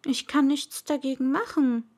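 A woman's voice: high voice, expressive, slow, a bit bright, voice pushed up, exaggerated voice. A woman voicing a shy, wondering young boy prince in a storybook reading, asking polite questions.

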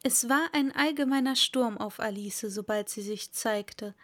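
A woman narrating a storybook in a measured way, sometimes softening to a whisper. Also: a little high. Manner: slow, measured, drops to a whisper at times. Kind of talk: storybook reading.

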